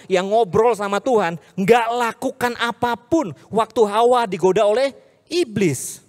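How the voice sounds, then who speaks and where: A man with an Indonesian accent preaching a casual youth sermon, swinging from loud hype to low, earnest talk. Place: church hall. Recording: reverberant church hall.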